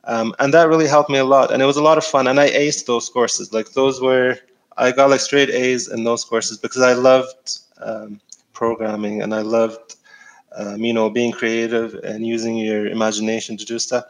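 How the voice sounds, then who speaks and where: A middle-aged man from Egypt, a guest in a casual interview, talking in a relaxed way with many fillers and restarts. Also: medium pitch, normal speed, low-quality recording.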